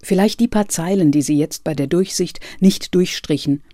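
A man's voice: high voice, normal speed, warm tone, dry recording, clean studio sound, lightly acted. A reader voicing a courteous, persistent older male writer who asks politely. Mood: pleading. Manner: polite, pleading.

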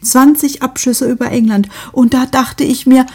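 A woman's voice: high voice, fairly even intonation, moderate pace, darkish tone, husky, pitched above the performer's own voice. A woman voicing a nosy, gushing middle-aged female neighbor who chatters eagerly and fawningly.

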